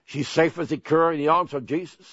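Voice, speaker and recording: An older man preaches with earnest, pleading slowness, often repeating his words. His voice sits fairly high for a man. The sound is dull and dry, like an old broadcast recording. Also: a bit bright, no echo. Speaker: pastor. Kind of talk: sermon.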